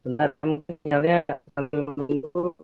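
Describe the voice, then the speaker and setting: A man's voice: fairly high pitch, steady tone, normal speed. A male lecturer teaching an online class whose voice keeps breaking up over a glitchy video call, and he keeps checking whether he can be heard. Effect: choppy, breaking-up video call audio. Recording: tinny, dry call audio.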